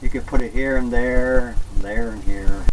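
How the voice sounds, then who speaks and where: Easygoing gentle guy walking thru a painting demo, medium voice, bit of noise in the recording. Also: mid-range voice, fairly even intonation, measured pace. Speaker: painting instructor, host. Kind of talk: casual step-by-step painting demonstration.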